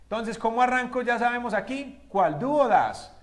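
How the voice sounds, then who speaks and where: A male English teacher runs a lively whiteboard lesson in a fairly high voice. He asks his own questions and answers them himself, and he stretches each English example out slowly and carefully. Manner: slows down sharply for English example phrases.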